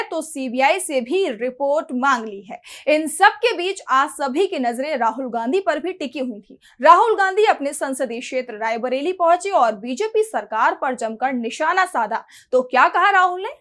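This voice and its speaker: A woman presents the news in a high-pitched voice. She anchors from a script, setting up each report with rhetorical questions. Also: expressive, normal speed, few pauses, a bit bright.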